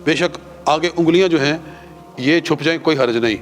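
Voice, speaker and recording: A man with a Punjabi-influenced Urdu accent teaching a class on pilgrimage rites. He has his listeners repeat prayers after him, slowly and drawn out. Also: a little high. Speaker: religious teacher.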